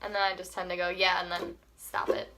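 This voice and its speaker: A woman's voice: lowish voice, little pitch movement, fast, over loud music. A young woman with a cold, her voice scratchy and cracking, chatting apologetically through a casual ukulele tutorial at home. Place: home room with air conditioning. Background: her own ukulele playing.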